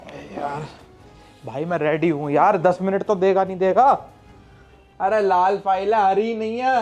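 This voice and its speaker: An actor playing a harried young husband and son-in-law, defensive at home and exasperated on work phone calls. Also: male voice, high voice, steady tone, unhurried, darkish tone, muffled recording, soft background music. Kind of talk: comedy sketch acting.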